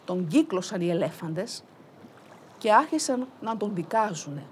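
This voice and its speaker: Lively woman telling a folk tale. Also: medium pitch, slight background noise. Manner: lively, rhythmic, playful with repetitions. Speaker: storyteller. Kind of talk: oral folk-tale narration.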